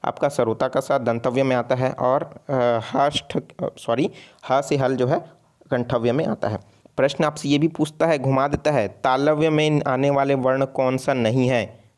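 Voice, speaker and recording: A man's voice: mid-range voice, fairly even intonation, measured pace, darkish tone. A man teaching an online exam-prep lesson, explaining step by step and repeating himself often. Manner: repetitive, explains step by step with frequent fillers.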